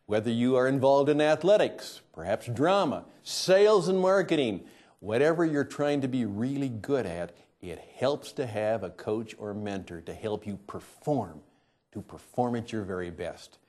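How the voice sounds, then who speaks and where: A middle-aged man hosting a show from a studio floor, talking emphatically, swinging between loud and hushed lines. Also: mid-range voice, animated, moderate pace. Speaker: host. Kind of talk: energetic presenting to camera.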